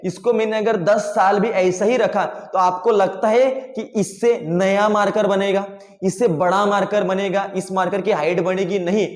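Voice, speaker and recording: A young man teaching biology, explaining with everyday examples and asking the class rhetorical questions. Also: sits high. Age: young adult. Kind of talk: classroom lesson. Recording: echoey room with long reverb.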